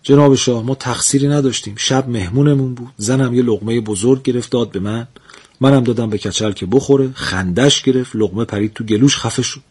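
A man's voice: mid-range voice, darkish tone, breathy edge, lightly acted. A man doing a pleading, humble tailor. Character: guilt-ridden humble male tailor.

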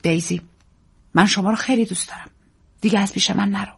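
A woman reading a story, voicing an earnest man in love who pleads quietly and tenderly. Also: a little high, lively intonation, breathy edge, pitched above the performer's own voice.

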